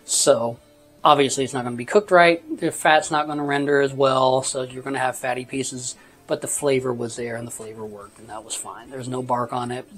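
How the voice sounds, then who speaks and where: A relaxed vlogger from Texas talks through theme park food in a casual review voice-over. The delivery is easygoing, with dry, wry asides dropped in along the way. The voice sits at an ordinary middle pitch. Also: a little fast, faint music behind.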